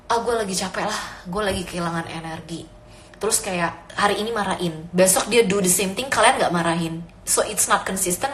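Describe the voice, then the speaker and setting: A woman's voice: medium pitch, fairly bright tone, slight background noise. A young woman and mother giving casual, earnest parenting advice, mixing Indonesian and English as she talks. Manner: mixes Indonesian and English freely; earnest, advising. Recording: echoey room with faint ambience.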